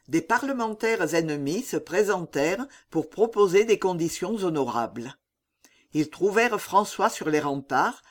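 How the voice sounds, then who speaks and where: A narrator reading a historical novel in a measured, dramatic way. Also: medium pitch. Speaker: audiobook narrator.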